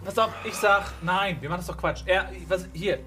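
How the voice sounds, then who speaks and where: A man's voice: high voice, normal speed, noisy background. A man playing a tabletop game, goofy and joking with the others. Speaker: player. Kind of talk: casual chat during a tabletop game.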